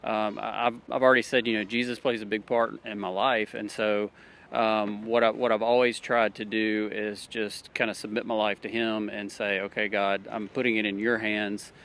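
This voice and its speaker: A man's voice: on the low side, little pitch movement, moderate pace, vocal fry, fairly bright tone. A man with an Alabama Southern accent, talking earnestly in a casual street interview, with many fillers and restarts. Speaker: interviewee, church worker.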